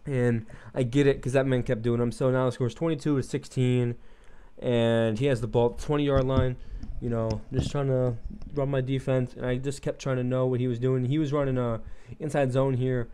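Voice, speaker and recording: A man's voice: mid-range voice, flat delivery, normal speed, dark tone, clear, resonant tone. A young man rambling through casual gameplay commentary, loose and profane, filling gaps with likes and ums, his throat a little froggy. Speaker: gaming commentator.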